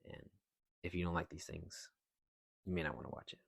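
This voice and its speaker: A man's voice: sits low, fairly even intonation, a little fast, vocal fry, husky, no echo. A young man hosting a casual interview, chatty and hesitant, stumbling over his questions. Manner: hesitant, chatty, lots of fillers. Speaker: host, interviewer.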